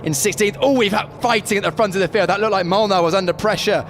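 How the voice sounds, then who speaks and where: A man's voice: high voice, fast talker. A man co-commentating live on motorsport, keenly analysing and explaining the racing over trackside noise. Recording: clear outdoor engine and ambience noise.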